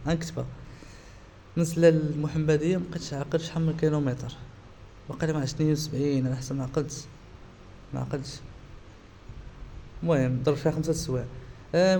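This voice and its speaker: Fast-talking Moroccan man vlogging casually. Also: on the high side, dark tone. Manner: repeats himself. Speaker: cycling vlogger. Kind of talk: casual vlog talk. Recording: faint background ambient noise.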